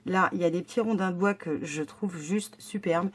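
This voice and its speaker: A scrapbooking vlogger with a fairly low voice chats casually at a normal pace while unboxing her monthly scrapbooking box. She's excited about the items but hesitant too, filling her talk with fillers and restarts.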